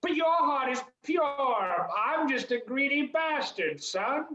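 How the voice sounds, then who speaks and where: A man's voice: very high-pitched, animated, takes it slowly, sharp tone, roomy sound, lo-fi sound, full character voice. A man voicing a greedy, hesitant train conductor who stammers and hedges. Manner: stammering, hedging.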